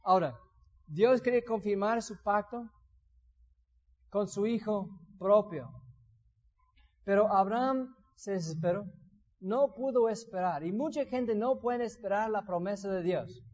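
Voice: mid-range voice, unhurried, pauses often, a little mellow. A preacher delivering a sermon in a church, reading scripture aloud and telling stories in a conversational way. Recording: dull lo-fi recording in an echoey hall.

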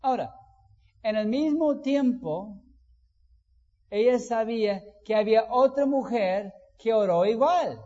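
Male preacher with a high, slow delivery, heard in an echoing hall on a muffled recording. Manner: acts out quoted voices, rising to loud emphasis. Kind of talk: sermon. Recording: dull sound with long hall reverb.

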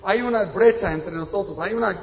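A man's voice: high-pitched, brisk. A man preaching a sermon in a conversational way, now and then rising to emphatic exclamations. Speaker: pastor. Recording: echoey hall, dull lo-fi sound, faint noise.

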